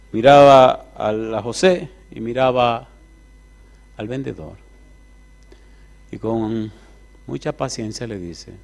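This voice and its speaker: A male preacher telling a long story from the pulpit. His voice sits at an ordinary pitch, and he drags out key words and turns to the listeners with asides. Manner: animated, drawn-out storytelling with asides to the audience. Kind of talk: sermon storytelling.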